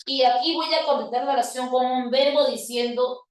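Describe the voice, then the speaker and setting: A woman's voice: high-pitched, steady tone, moderate pace. A woman teacher patiently explaining grammar to her students, talking to them directly and voicing their questions. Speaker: language teacher. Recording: roomy sound from a distant mic.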